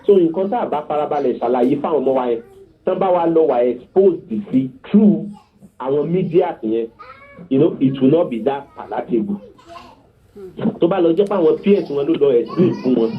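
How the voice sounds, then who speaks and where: A man's voice: on the high side, expressive, a little fast. A man with a Yoruba accent gives an earnest teaching talk as a guest on parenting. He tells anecdotes and often checks that his listener is following. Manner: earnest, instructive, often asks the listener to confirm. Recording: phone-like narrow line.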